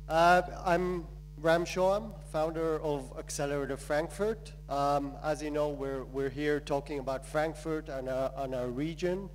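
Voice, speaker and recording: A man's voice: a little high, low-quality recording. A man from Israel talks from a conference stage in a slightly raised voice. His delivery is loose and conversational, full of filler sounds. A faint mains hum sits under the recording. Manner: loose and chatty, many fillers. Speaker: accelerator founder. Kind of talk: conference talk.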